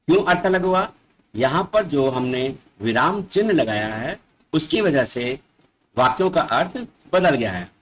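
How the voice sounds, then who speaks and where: A man's voice: a little high, expressive, a little slow, slight background noise, poor audio. A man teaching a recorded grammar lesson to young schoolchildren, speaking patiently, checking in with the class and repeating each definition. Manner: patient, addresses the children often and repeats definitions.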